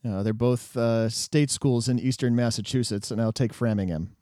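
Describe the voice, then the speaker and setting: A man's voice: mid-range voice, normal speed, no room sound. Male podcast co-host, laid-back, dry studio sound. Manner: relaxed, hesitant fillers, chuckles. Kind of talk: casual sports podcast chat.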